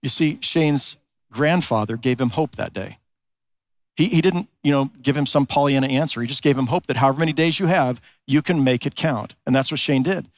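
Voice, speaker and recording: An earnest pastor preaches a sermon in a large church sanctuary, slowing down for emphasis and posing rhetorical questions. His voice is mid-range, with no echo.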